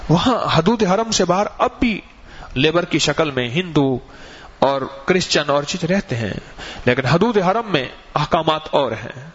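Male preacher telling a story, really lively voice that swoops all over, kinda muffled lo-fi recording. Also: fairly high pitch, husky. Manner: animated storytelling, acting out quoted dialogue. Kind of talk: sermon storytelling.

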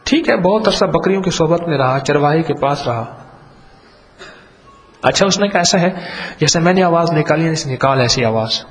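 A Pakistani man preaching and telling parables, his voice pitched fairly high. He acts out the dialogue with lively emphasis. His voice rings through a long hall reverb. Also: long pauses. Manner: storytelling, acts out dialogue, rising and falling emphasis. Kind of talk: sermon with parables.

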